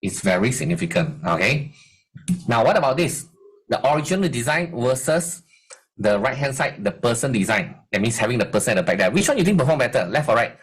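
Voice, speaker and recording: A man's voice: medium pitch, fairly quick, breathy edge. A middle-aged man, teaching a live online marketing masterclass and quizzing his audience. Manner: energetic, rhetorical quiz questions to the audience. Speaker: marketing coach.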